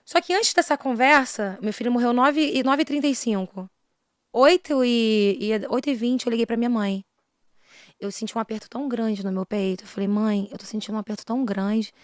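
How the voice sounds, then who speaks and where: Woman, missionary preacher, fervent testimony, quick talker, dry close sound. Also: a little high, dry recording. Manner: earnest, swings between hushed and raised passionate delivery. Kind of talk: emotional faith testimony in a podcast interview.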